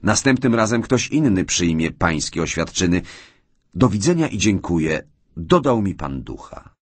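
A man reading an audiobook and voicing a shy, tearful young orphaned woman in a raised, soft voice. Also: sits low, big pitch swings, normal speed, husky, no echo, exaggerated voice. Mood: teasing.

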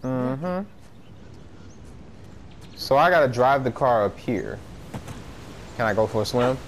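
A man giving casual commentary over a video game, cursing and reacting excitedly, talking into a headset. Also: mid-range voice, slow. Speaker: gamer.

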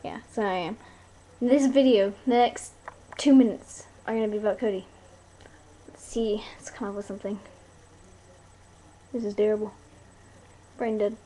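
A young woman video blogger chats into a webcam from a small bedroom, rambling playfully and informally and drifting off topic easily. Her mid-range, warm voice holds fairly even intonation at a moderate pace with frequent pauses. The close webcam mic yields noisy, cheap-sounding audio.

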